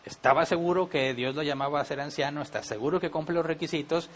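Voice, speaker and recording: A man's voice: on the high side, fast, a little hiss or hum. A man with a Monterrey Mexican accent, a pastor teaching a Bible study in a conversational way, asking rhetorical questions. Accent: Monterrey Mexican Spanish.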